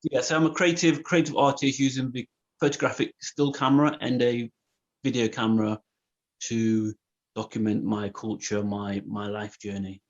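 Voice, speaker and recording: Reflective male artist from England, halting and repetitive, mid-range voice. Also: medium pitch, little pitch movement, highs cut off. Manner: hesitant, repeats words as he thinks. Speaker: photographer and video artist. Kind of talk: reflective interview.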